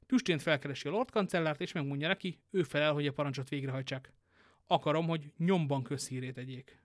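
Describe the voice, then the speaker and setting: A man reading aloud who voices a proud, passionate English duke, loud and commanding. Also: fairly high pitch, no room sound, studio quality, natural voice. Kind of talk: audiobook reading.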